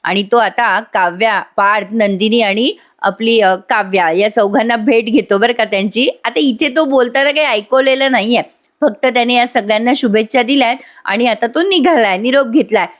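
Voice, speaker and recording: A woman's voice: on the high side, moderate pace. A woman giving a chatty voice-over review of a TV serial episode, talking straight to her viewers. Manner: chatty, addresses viewers, laughs often.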